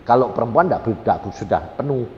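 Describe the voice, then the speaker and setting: Animated older man preaching with lilt. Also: normal speed, highs cut off. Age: 60s. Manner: dramatic, swings from hushed to loud. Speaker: evangelist preacher. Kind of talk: storytelling sermon. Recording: reverberant hall, faint rumble.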